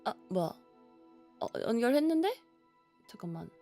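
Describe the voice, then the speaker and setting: A woman live streamer chatting casually before a game, with a cutesy, playful, expressive anime-streamer manner. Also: fairly high pitch, moderate pace, faint music behind. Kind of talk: casual livestream chat before playing a game.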